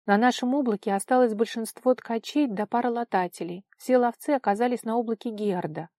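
A woman voicing a timid young sky-dwelling girl in a storybook reading, speaking in an anxious, hushed way. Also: a little high, brisk, no echo, studio quality, close to an everyday voice.

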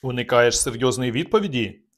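A man's voice: mid-range voice, expressive, fast, a bit bright, natural voice. A man reading as a spiteful drunk nobleman. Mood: sneering. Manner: hissing, venomous.

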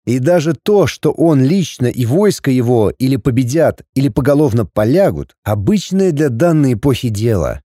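A man reading an audiobook as narrator, telling the story in an expressive, wry way. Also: medium pitch, moderate pace, few pauses, dry recording, clean studio sound.

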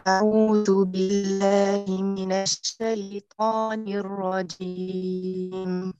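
Polite Egyptian woman student on a breaking-up online call, dull lo-fi sound, flat delivery. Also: medium pitch, extremely slow, faint music behind. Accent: Egyptian Arabic. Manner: polite and apologetic. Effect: choppy, breaking-up internet call audio. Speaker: student reciting to a teacher. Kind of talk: online lesson talk. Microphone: online video call.

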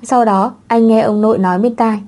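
Một người phụ nữ đọc truyện audiobook bằng giọng đều đều, không vội vàng. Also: female voice, a little high, fairly even intonation, brisk, mellow. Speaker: narrator. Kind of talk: audiobook narration of a web novel.

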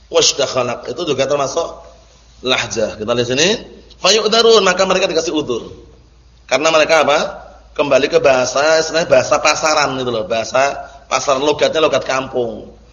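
A man's voice: a little high, a bit bright. A male teacher giving a classroom grammar lesson, explaining terms and often checking that students understand. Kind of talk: classroom lecture. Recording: dull lo-fi recording in echoey hall.

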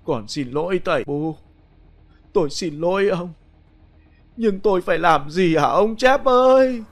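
A man's voice: on the high side, expressive, unhurried, fairly bright tone. A man voicing a grieving old village widow who pleads through sobs. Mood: wailing.

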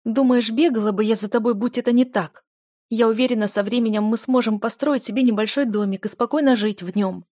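A woman's voice: mid-range voice, brisk, a little mellow, dry recording, studio quality, lightly acted. A woman voicing a desperate young female student in love, pleading emotionally with a raised voice.

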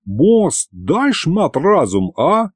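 A man's voice: on the high side, wildly swooping pitch, very slow, slightly rough, dry recording, clean studio sound, pitched above the performer's own voice, full character voice. A man voicing a brash, cheeky young underling who wheedles his boss.

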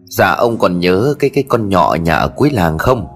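A man voicing a sly, fawning male servant who keeps flattering his master in a storybook tale. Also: low-pitched, moderate pace, soft background music. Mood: wheedling. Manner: wheedling, deferential.

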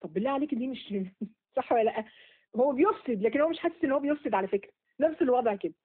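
A woman with an Egyptian accent teaching an online Quran lesson, asking quick questions and repeating key words. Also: high voice, lively intonation, breathy edge. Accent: Egyptian Arabic. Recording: phone-like narrow audio.

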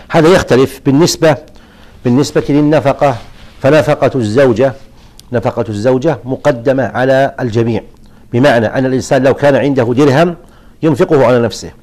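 A man who is an Islamic scholar, answering listeners' religious questions in a measured, explanatory lesson with frequent restarts. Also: mid-range voice, darkish tone.

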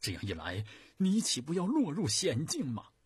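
A man voicing an embattled male commander of old, proud and tearful, declaiming with raised fervor in a husky voice. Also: deep voice, very animated, unhurried, fairly bright tone, dry recording, studio quality, full character voice. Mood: tearful, earnest.

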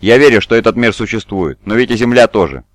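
A man's voice: fairly low pitch, fast, no room sound, studio quality, natural voice. A man doing an anxious, pleading grown man. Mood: arguing earnestly.

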